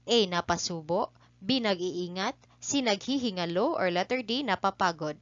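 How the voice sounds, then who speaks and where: Reading review questions and answers for an exam, this Filipino-accented teacher repeats every answer twice, keeping a polite tone. She sounds animated, with a mid-range voice at normal speed. The recording is dry and lo-fi.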